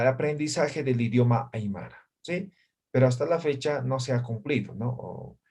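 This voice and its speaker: Male teacher, mid-pitched voice, lecturing a class and constantly checking in with tag questions. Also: warm tone. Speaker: language teacher.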